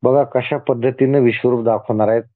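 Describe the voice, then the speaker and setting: A man slowly explaining a devotional scripture, going through long lists of terms one by one and glossing them. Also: medium pitch, fairly even intonation, dry recording. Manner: slow listing cadence, explaining each term. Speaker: spiritual discourse speaker. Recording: tinny phone-like sound.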